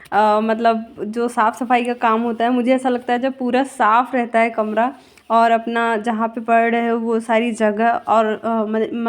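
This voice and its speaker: A woman teacher talks over her own study vlog in a loose, chatty way. She rambles and stops to fix her own words as she goes. Her voice sits a touch higher than most. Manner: chatty, rambling, self-correcting. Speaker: school teacher.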